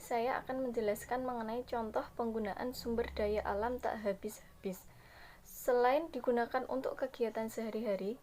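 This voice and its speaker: A young woman student continues a class presentation, reading her material smoothly and formally. Her voice sits a little high. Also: a little mellow, slight background noise. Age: young adult.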